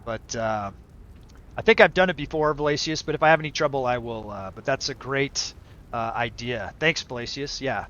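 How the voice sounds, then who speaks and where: A man's voice: medium pitch, moderate pace, a bit bright, lo-fi sound. A middle-aged man chatting casually to viewers as he hosts a game livestream. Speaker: livestream host. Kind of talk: casual game stream chat. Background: game music.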